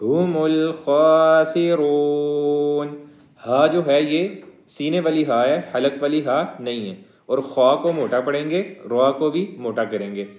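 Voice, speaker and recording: A medium-pitched male teacher leads a Quran recitation lesson, chanting verses slowly and melodically, then switching to brisk explanations of pronunciation rules. The lo-fi recording sounds dull and echoey.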